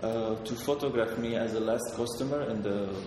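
A man speaking in a distant echoey hall. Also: on the low side. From Syria. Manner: halting, many fillers and restarts. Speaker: photographer guest. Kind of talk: hesitant conversational talk. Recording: echoey hall, distant mic, background noise.

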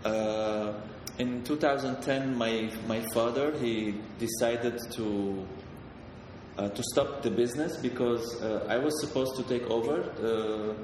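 A man from Syria, a photographer, talking haltingly with many fillers and restarts. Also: mid-range voice. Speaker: photographer guest. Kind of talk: hesitant conversational talk. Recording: echoey hall, distant mic, background noise.

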